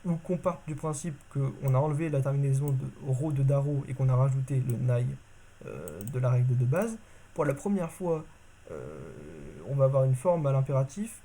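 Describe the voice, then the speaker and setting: A man's voice: medium pitch, expressive, normal speed, warm tone. A man teaching a constructed language in a casual video lesson, talking informally and often correcting himself mid-sentence. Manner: informal, self-correcting, lots of fillers.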